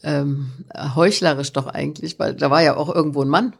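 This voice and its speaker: A woman's voice: sits low, steady tone, a little fast, vocal fry, slightly rough. A woman talking earnestly as an interview guest, telling stories with frequent fillers. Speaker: guest, author of children's Bible stories. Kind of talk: conversational interview.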